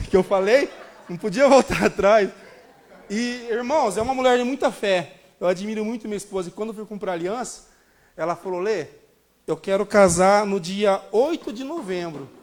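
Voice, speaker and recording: A Brazilian man in his thirties preaching a sermon, telling a personal story in an animated way and calling the congregation brothers. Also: high-pitched. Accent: Brazilian Portuguese. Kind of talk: sermon testimony.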